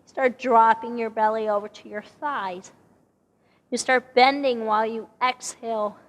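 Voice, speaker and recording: A woman with a hoarse, partly lost voice leading a Pilates class, calmly cueing each breath and movement. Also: fairly high pitch, unhurried, long reverb tail. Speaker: Pilates instructor. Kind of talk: guided exercise instruction. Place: exercise studio.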